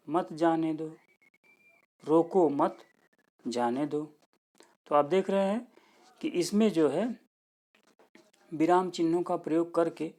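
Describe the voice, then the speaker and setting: A man's voice: a little high, a little mellow. A man, a lecturer at a teacher training institute, giving a grammar lesson and explaining each point step by step while repeating his examples.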